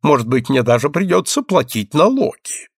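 A man's voice: fairly high pitch, big pitch swings, normal speed, gravelly, husky, no room sound, clean studio sound, exaggerated voice. A man reading aloud and voicing a prim, pious businessman with indignant, wailing speech. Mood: smug. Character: smug, prim businessman, self-righteous then panicky.

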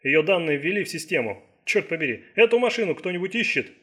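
A man's voice: fairly high pitch, animated, quick pace, a bit bright, breathy edge. A man voicing an irritable, stubborn male criminalist in an audiobook thriller. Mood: snapping. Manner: snapping, pleading.

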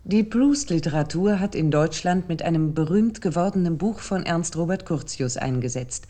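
In a radio play, a woman voices a thoughtful essayist as narrator, reading scripted literary prose formally and deliberately, laying out each thought with measured seriousness. Her voice is low-pitched, dark and soft, close to how she'd normally speak.

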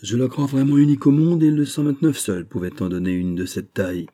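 A man voicing an effusive, flattering middle-aged male bank sub-director in an audiobook reading. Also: medium pitch, brisk, pitched above the performer's own voice, lightly acted. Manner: gushing, emphatic, flattering.

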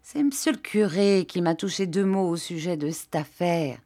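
A woman's voice: on the low side, lively intonation, normal speed, mellow. A woman playing a bashful, evasive young peasant. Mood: hesitant. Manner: stammering, hesitant, rustic speech.

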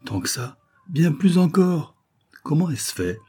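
A man's voice: slow, husky, exaggerated voice. A man doing a cheeky young ship's boy. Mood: teasing. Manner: high, excited, teasing.

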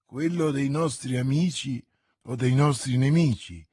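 A man voicing a ruthless, calm noblewoman in an audiobook reading of a classic novel, with a low, controlled delivery. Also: takes it slowly, husky, dry recording, studio quality. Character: scheming cold-blooded noblewoman, calm and ruthless.

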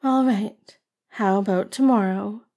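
A woman reading an audiobook and voicing a kind, patient young man who speaks softly and soothingly. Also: mid-range voice, measured pace. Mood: gentle. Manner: soft, calm and soothing.

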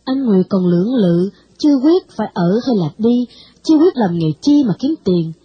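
A woman reading a novel aloud with expressive storytelling. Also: medium pitch, moderate pace, husky, no echo, dull audio. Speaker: narrator. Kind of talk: audiobook narration of a novel.

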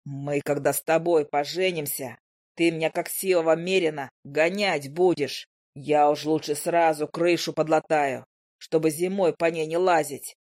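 A woman voicing a stubborn, matter-of-fact male hunter in a lowered, unhurried voice for an audiobook. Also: steady tone, darkish tone, no echo, clean studio sound, natural voice. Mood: calm deadpan.

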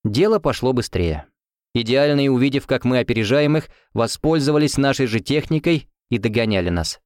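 Male audiobook narrator, steady measured read, mid-pitched, close dry sound. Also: no room sound. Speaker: audiobook reader. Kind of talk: scripted narration.

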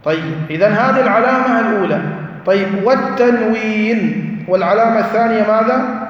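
Grammar teacher, male, high voice, asks the class questions and answers them, recorded from far off in an echoing hall. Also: a little fast, slight background noise. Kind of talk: classroom lesson. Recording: distant, echoey, dull hall recording.

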